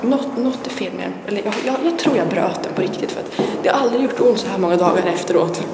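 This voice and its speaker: Young woman vlogging, stuffy nose, rambly and chatty, bit of hiss behind. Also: mid-range voice. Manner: chatty, rambling, lots of fillers. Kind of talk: casual vlog chat.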